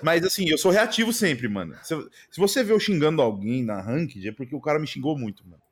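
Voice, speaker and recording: This is a casual podcast chat where a Brazilian-accented streamer guest talks about his streams in a slangy, animated way, repeating "mano" and "velho." His voice sits on the high side, quick and a bit breathy.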